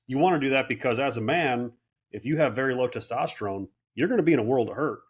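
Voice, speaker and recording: A man's voice: mid-range voice, fast talker, slightly rough. A man in his late thirties, a clinic owner and guest, telling his story in casual interview talk and acting out what others said. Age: 30s. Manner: animated storyteller, quotes people in voices.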